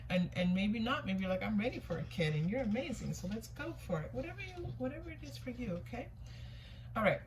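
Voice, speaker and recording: A woman with a fairly high voice talks fast with big pitch swings while hosting a casual, intuitive tarot reading. She thinks aloud informally, often repeating herself and questioning what she sees. Background noise and room ambience are clearly audible.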